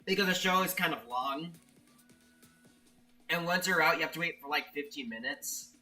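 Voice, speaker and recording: A man streaming a game and chatting casually with his viewers, his voice bright and a little higher than usual. He stammers and keeps restarting his sentences. He sits a bit back from the mic, with faint music playing behind him. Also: normal speed, far from the mic. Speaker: streamer, level maker. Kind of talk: casual live-stream chat, reading viewer chat.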